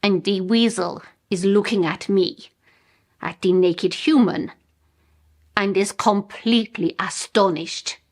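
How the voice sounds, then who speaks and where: Casting: actress as bemused female storyteller, Polish accent, comic monologue, unhurried and deliberate, medium pitch. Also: darkish tone. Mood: astonished. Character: bemused woman telling an absurd personal anecdote. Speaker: monologue performer.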